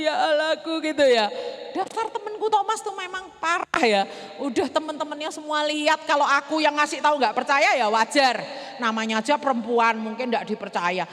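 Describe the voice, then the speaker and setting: A woman's voice: high-pitched, fairly bright tone, slight background noise. A woman playing Mary Magdalene as a grieving then joyful disciple in a chatty, emotional first-person church monologue, stammering now and then. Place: church hall. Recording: echoey church hall.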